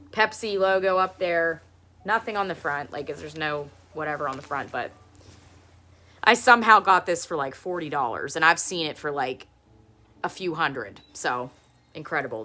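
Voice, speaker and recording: Hosting a show and tell live from her house, a woman in her thirties speaks in a low voice, meanders casually and laughs frequently. Her voice has a pushed, bright quality.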